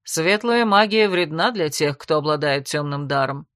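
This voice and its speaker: Lady doing a low, gentle, worried dad lord, formal and protective. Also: expressive, normal speed, no room sound, studio quality. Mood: concerned. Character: caring older nobleman father, anxious mage.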